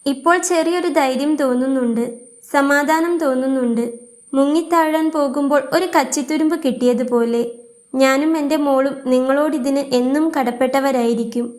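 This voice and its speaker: A grieving young mother in a spoken storybook, gentle and worn out, her high voice soft and tearful as she pleads, read by a woman in her own voice. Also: normal speed, faint music behind, natural voice. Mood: grateful.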